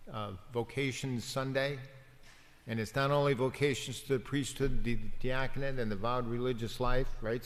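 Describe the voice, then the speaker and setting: A man, a deacon, giving a homily in a gentle, conversational preaching manner with pauses. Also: medium pitch. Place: church. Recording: long church reverb.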